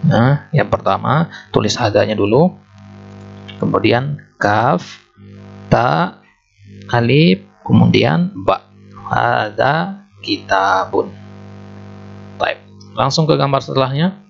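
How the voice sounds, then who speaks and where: A man teaching a beginner language lesson, patient, repeating words and spelling out letters slowly. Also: medium pitch, gravelly. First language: Indonesian. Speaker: Arabic teacher. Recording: muffled lo-fi recording with faint music.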